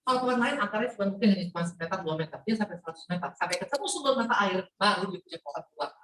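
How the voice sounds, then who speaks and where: A middle-aged woman preaching an animated, playful sermon to a women's Bible class, mixing in English words. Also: mid-range voice, rapid-fire, a little hiss or hum. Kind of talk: lively sermon. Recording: echoey hall, voice from a distance.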